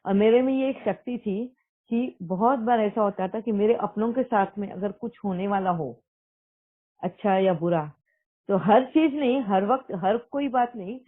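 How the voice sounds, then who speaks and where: A woman's voice: mid-range voice, a little slow. A woman speaking earnestly as a spiritual speaker, recounting a personal testimony and mixing English words into Hindi. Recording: tinny phone-like audio.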